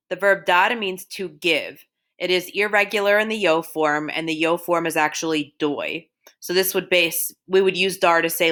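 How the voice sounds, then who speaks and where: A woman's voice: lowish voice, pushed and bright. A woman teaching Spanish over a recorded slideshow, steadily drilling verb forms one by one.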